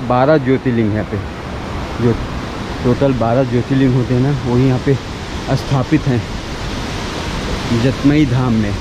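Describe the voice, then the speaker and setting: A man's voice: medium pitch, fairly even intonation. A man narrating a walking tour vlog at an outdoor temple site, chatty and admiring, talking straight to his viewers. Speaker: travel vlogger. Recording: loud waterfall noise outdoors. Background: loud rushing water.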